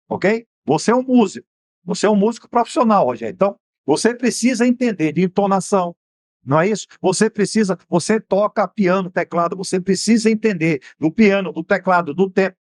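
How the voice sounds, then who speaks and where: High-voiced Brazilian man teaching on TV. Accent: Brazilian Portuguese, Bahian. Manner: didactic, asks rhetorical questions. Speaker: TV show host and mentor. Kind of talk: explanatory TV talk on finance. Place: TV studio.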